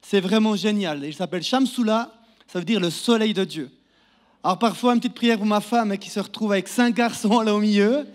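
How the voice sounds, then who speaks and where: A man's voice: high voice, fairly quick. A man in his thirties with a Neuchâtel Swiss French accent, a down-to-earth guest preacher addressing a church congregation and asking them questions. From Neuchâtel, Switzerland. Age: 30s. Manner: friendly, down-to-earth, speaks to the crowd with questions. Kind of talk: sermon introduction to a congregation. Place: church hall.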